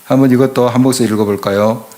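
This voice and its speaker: A man's voice: medium pitch, fairly even intonation, quick pace, a little mellow. A middle-aged man preaching an expository sermon in church, emphatic and full of rhetorical questions to the congregation. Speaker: pastor. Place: church sanctuary.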